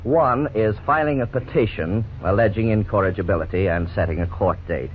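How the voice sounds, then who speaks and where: Through phone-quality sound on a slightly noisy, thin vintage radio recording, a male actor narrates as a lawyer. The delivery is low, earnest and teacherly, lightly acted with a measured, scripted authority typical of the 1950s.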